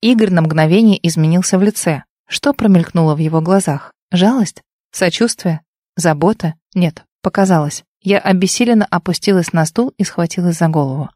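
A woman's voice: on the low side, normal speed, warm tone, dry recording, studio quality. A woman reading a first-person novel aloud as an audiobook narrator, with an emotional, intimate storytelling manner.

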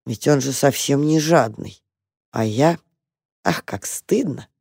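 A reader voicing a timid, kind little boy mouse who talks eagerly and gently in a storybook reading. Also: mid-range voice, animated, slow, creaky, breathy edge, no room sound, studio quality, heavily acted. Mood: bashful.

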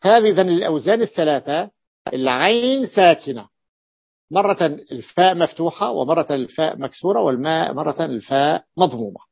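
Gravelly man teaching a grammar lesson. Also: on the high side, animated, no echo. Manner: repeats example words slowly, quizzes students. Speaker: teacher of Arabic morphology. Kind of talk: classroom lecture. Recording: dull dry lo-fi recording.

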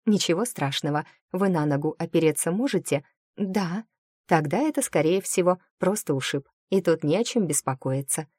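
A woman voicing a flustered, kindly young female maid in an audiobook, with fussy, quick exclamations. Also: lowish voice, lively intonation, a little mellow, husky, no echo, clean studio sound. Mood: soothing. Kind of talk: audiobook character voice.

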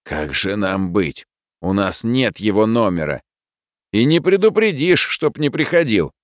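A man voicing a calm, unbothered middle-aged chef who reasons things out patiently. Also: fairly low pitch, measured pace, dry recording, clean studio sound. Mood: reasoning. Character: easygoing middle-aged male restaurant chef. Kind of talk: audiobook character voice.

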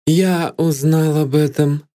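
A man's voice: fairly high pitch, steady tone, slow, mellow, dry recording, studio quality, pitched above the performer's own voice. A man voicing a shrewd, blunt police detective in an audiobook, speaking matter-of-factly.

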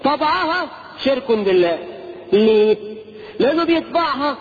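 A man with an Egyptian Arabic accent preaching a sermon in colloquial style, animated and firing rhetorical questions at his listeners. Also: extremely high pitch, moderate pace. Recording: tinny phone-like lecture recording with long reverb.

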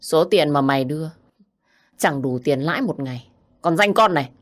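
A woman's voice: deep voice, animated, moderate pace. A woman doing a menacing male thug. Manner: threatening, snarling. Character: brutal tattooed male debt-collector thug.

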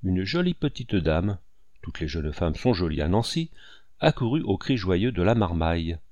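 Give me a low-voiced man narrating a classic novel, dry and close. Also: sing-song, normal speed, darkish tone, no room sound, highs cut off. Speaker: audiobook narrator.

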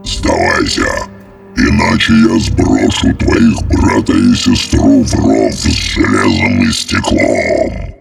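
A man voicing a huge cruel male ogre in an audiobook, with a very deep gravelly growl and slow, drawn-out threats. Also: little pitch movement, distant mic, soft background music, full character voice. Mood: threatening. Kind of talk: audiobook character voice.

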